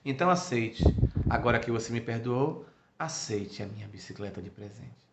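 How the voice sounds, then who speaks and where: A man voicing a frail, gravely ill young boy who speaks softly and earnestly in a spiritist talk. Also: mid-range voice, expressive, moderate pace, very noisy. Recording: echoey room, muffled sound.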